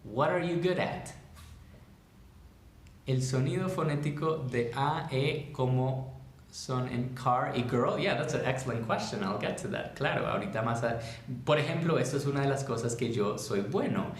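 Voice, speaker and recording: Profesor colombiano en una sala con eco. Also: male voice, medium pitch. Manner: switches between Spanish and English, repeats words slowly to model pronunciation; encouraging, reads viewers' comments aloud. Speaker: English teacher. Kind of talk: live-streamed bilingual lesson. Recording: echoey room.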